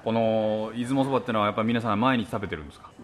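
A man's voice: lowish voice, very fast. A man interviewing as a food reporter in a conversational, inquisitive way, often repeating and summing up what he is told.

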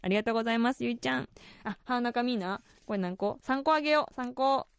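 A woman's voice: on the high side, quick pace, clear, resonant tone, no echo. A young woman with a Kansai accent hosting a radio show, chatty and laughing often. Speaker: radio host.

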